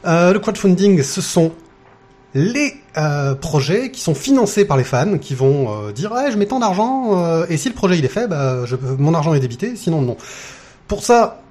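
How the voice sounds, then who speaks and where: A man's voice: fairly high pitch, big pitch swings, moderate pace, a little mellow. A man hosting a casual comics podcast, joking often and talking with many hesitations. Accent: non-native accent, mocked by cohosts. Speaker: podcast host.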